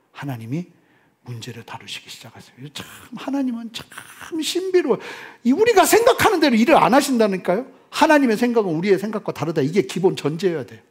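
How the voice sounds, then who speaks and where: Animated high-voiced male pastor preaching. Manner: animated, swinging from loud exclamations to hushed near-whispers. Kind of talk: sermon.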